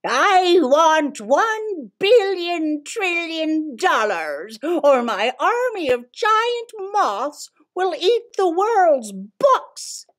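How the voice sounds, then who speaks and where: A woman voicing a pompous male villain scientist who stretches out his threats in a high voice. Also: sing-song, heavily acted. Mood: menacing. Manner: grandly drawn-out threats.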